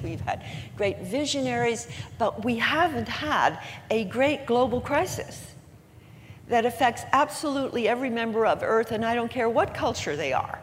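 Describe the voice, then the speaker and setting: An elderly woman in her eighties speaks earnestly to a gathered audience, drawing out the words she wants to land. Her voice sits at an ordinary pitch for a woman. It carries a long hall reverb over a faint hum of room noise. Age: 80s. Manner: earnest, slows down to stress key words. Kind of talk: inspirational public talk.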